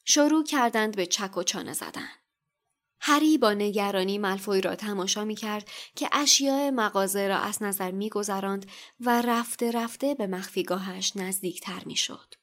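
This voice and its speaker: A woman podcast co-host reading a novel passage aloud in a measured, expressive storytelling manner. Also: mid-range voice.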